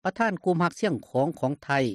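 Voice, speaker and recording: A man's voice: high-pitched, expressive, quick pace, darkish tone, no echo, clean studio sound. A man with a Lao accent reading scripted radio news as a reporter.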